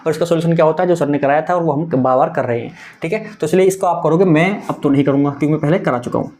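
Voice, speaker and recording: A man's voice: a little high, racing, a little mellow. A young adult man teaching a maths exam-prep lesson, talking in a coaxing, repetitive way and mixing in English terms.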